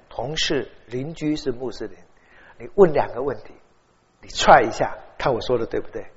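Middle-aged male preacher, fairly high voice, lively storyteller; dull sound with long hall reverb. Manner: animated storytelling, acts out dialogue. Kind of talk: sermon.

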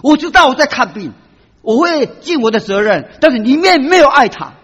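A man preaching, his high, husky voice leaping around as he acts out each person he quotes. The recording is dull and lo-fi, with a long reverb trailing off the hall walls. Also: big pitch swings, a little fast, fairly bright tone. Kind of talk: sermon.

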